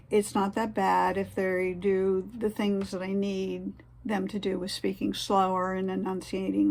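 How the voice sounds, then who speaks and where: A woman's voice: mid-range voice, creaky, a little hiss or hum. A woman giving casual, earnest advice to the camera, rambling a little with fillers and restarts. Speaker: vlogger sharing tips.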